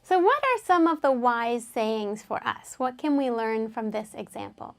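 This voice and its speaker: A woman's voice: fairly high pitch, animated, unhurried, soft background music. A woman teaching an English lesson, patiently explaining words and having learners repeat them after her.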